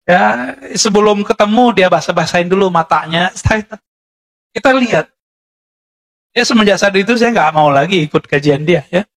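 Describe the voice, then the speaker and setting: High-voiced Indonesian man preaching. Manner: conversational lecturing, addresses listeners as Pak, frequent "ya" tags. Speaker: Islamic preacher. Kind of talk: sermon.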